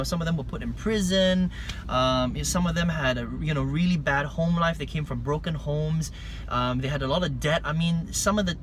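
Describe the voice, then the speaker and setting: A man from Malaysia giving a motivational business talk, emphatic and checking in with "okay?" after his points. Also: a little high. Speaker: online business coach. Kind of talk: motivational vlog talk to camera. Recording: outdoor recording with loud traffic noise.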